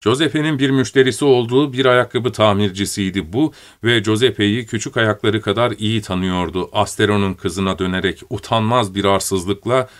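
A man narrating an audiobook in a steady, measured reading voice. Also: lowish voice.

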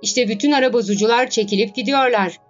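A woman's voice: on the high side, fast, lightly acted. A woman voicing a frustrated, struggling male poet and playwright who keeps sighing and complaining, in a storybook reading. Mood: hopeful. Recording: slightly dull recording, faint music.

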